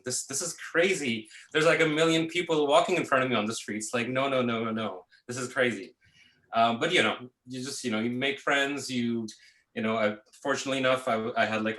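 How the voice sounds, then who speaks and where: Male guest, 30s, from Pakistan: easygoing and rambling, bright tone, echoey call audio. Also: medium pitch. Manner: relaxed, full of fillers like "uh" and "you know". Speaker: guest, visual effects artist. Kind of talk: casual interview answers.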